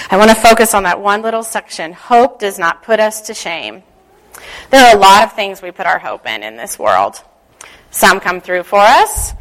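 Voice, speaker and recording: A woman speaking as a church leader, giving a devotional talk and guided prayer in a gentle, unhurried, instructive way. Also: mid-range voice, poor audio.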